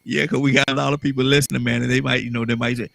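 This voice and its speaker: A man's voice: mid-range voice, flat delivery, racing, gravelly, fairly bright tone, dry recording. A man hosting casual radio talk, repeating his phrases for emphasis. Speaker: radio show host.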